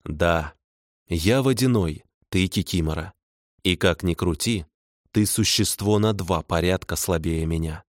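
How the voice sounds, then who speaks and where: A man voicing a calm, stern, ancient male water spirit who speaks unhurriedly. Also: low-pitched, unhurried, dry recording, clean studio sound.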